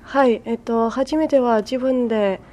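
A woman's voice: fairly high pitch, unhurried, dark tone. Woman answering in simple learner phrasing. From France. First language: French. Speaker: guest, language learner. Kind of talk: interview answers.

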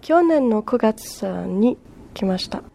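A woman's voice: on the high side, animated, takes it slowly, warm tone. Woman answering in simple learner phrasing. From France. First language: French. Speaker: guest, language learner. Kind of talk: interview answers.

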